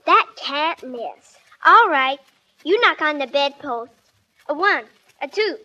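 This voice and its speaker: A woman's voice: sits high, animated, takes it slowly, sharp tone, full character voice. A woman playing a mischievous little girl who teases her daddy in singsong child talk, in an old-time radio comedy. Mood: mischievous, teasing. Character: mischievous little girls teasing their sleeping daddy. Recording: noisy, muffled vintage radio recording.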